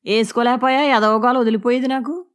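A coarse, bullying husband from an audio storybook, as a woman narrator puts him on, sneering and scolding. He speaks loud and pitched up, pushing every line hard. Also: a little fast, natural voice. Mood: scornful, bullying. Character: crude, mocking, domineering husband, a man.

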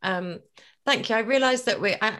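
A woman's voice: on the high side, normal speed. Woman host moderating the panel. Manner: warm, appreciative. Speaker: podcast host.

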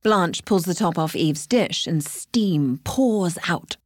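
A woman's voice: on the low side, expressive, takes it slowly, no echo, clean studio sound. A woman giving scripted narration of a story in a playful storytelling manner.

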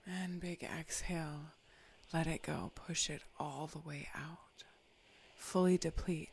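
A guide talks a listener through breathing and relaxation, much of it in a soft whisper. The delivery is unhurried and level, with a slight gravelly texture under the words. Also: medium pitch. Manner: soft, often whispered, slow and calm instructions. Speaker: meditation guide. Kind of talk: guided meditation.

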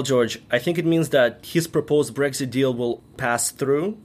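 A man co-hosting a podcast, reading prepared political analysis in an even way. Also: medium pitch. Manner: reads prepared points evenly. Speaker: podcast co-host. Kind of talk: scripted news analysis.

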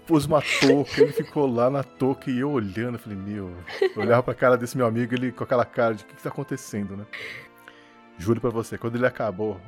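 Male podcast co-host, mid-pitch, animated storyteller who laughs easily, faint music underneath. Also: fast talker, few pauses. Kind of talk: casual storytelling chat.

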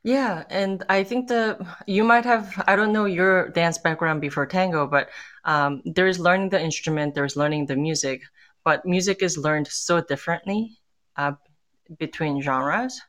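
A woman born in Korea, a tango musician, talking in a casual interview, thoughtful and pausing often with fillers and restarts. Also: on the low side, fairly bright tone.

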